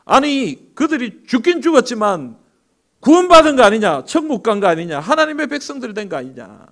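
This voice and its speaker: A man's voice: mid-range voice, animated, normal speed, close to an everyday voice. A man voicing Satan as a male demon chief who scolds his underlings with angry rhetorical questions, inside a sermon.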